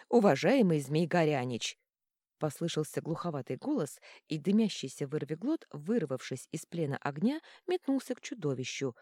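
Rich: A woman narrating an audiobook in a low, animated voice that swings widely in pitch. Her tone is dark and mellow, and the recording is close and dry. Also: no echo. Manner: expressive, lively storytelling. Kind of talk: scripted narration.

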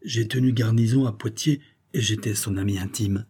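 An earnest young cavalry captain speaks low and urgently, confiding a grave warning, as a man reading the tale plays him. His voice is deep and husky. It is a storybook reading. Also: normal speed, dark tone.

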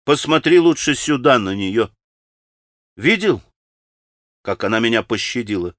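A male audiobook reader plays a gentle young man who speaks quietly but firmly. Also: mid-range voice, animated, measured pace, no room sound, clean studio sound. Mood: earnest.

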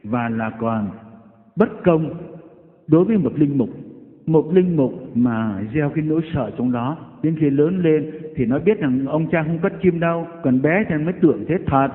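Man preaching, priest, folksy storyteller, booming hall reverb, tinny phone-like sound. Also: normal speed. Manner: folksy storytelling, animated quoted voices. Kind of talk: sermon with anecdotes. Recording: echoey hall over tinny lo-fi line.

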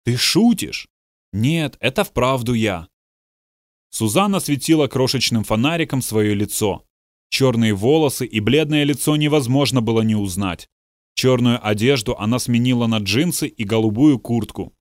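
A male narrator reading a thriller in steady, dramatic scripted narration. His voice sits at a medium pitch and the recording is dry and close. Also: normal speed, no room sound. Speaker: audiobook narrator.

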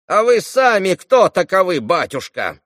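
A man's voice: high voice, big pitch swings, measured pace, a bit bright, no echo, studio quality, voice pushed up, full character voice. A man voicing an old female servant who talks in a fussy, deferential way. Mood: fussy chatter.

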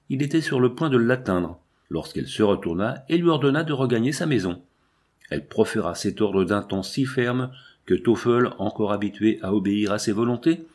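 A man with a low voice reads an old French novel aloud in a measured, expressive narration. He lifts his tone now and then for emphasis, but stays steady and unhurried. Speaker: audiobook narrator. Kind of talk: literary audiobook narration.

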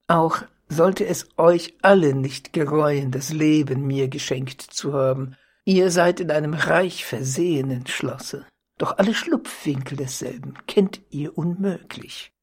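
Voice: mid-range voice, unhurried, darkish tone, husky. A bold, cunning young baroness, as a reader puts her on. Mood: persuasive. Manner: persuasive, dramatic pleading.

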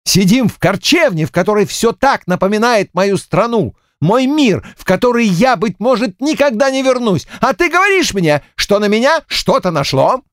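A man voicing a brash, quick-tempered blonde young woman in an audiobook, talking loud and sarcastic. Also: mid-range voice, big pitch swings, no echo, clean studio sound, pitched above the performer's own voice, natural voice. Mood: complaining.

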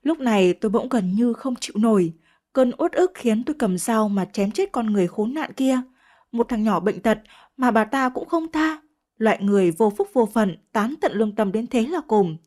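A woman reading a first-person story aloud in a steady, emotional way. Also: a little high, normal speed. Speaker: audiobook narrator. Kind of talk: scripted story narration.

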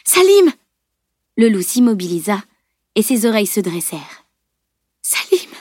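A woman reads an audiobook aloud in an even, measured storytelling style. Her voice sits in the mid range, and the recording is clean studio sound with no room sound.

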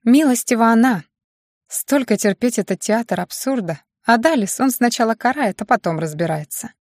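Woman reading a sharp-tongued young female student. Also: a little high, animated, normal speed, no echo, studio quality. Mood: snippy confident.

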